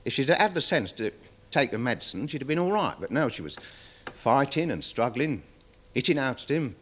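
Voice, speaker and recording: An actor playing a nervous, deferential security guard testifying in a 1970s television courtroom drama, rambling with many fillers. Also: male voice, mid-range voice, sing-song, moderate pace, fairly bright tone. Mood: worried, defensive. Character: nervous security guard witness, dog handler. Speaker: witness in court.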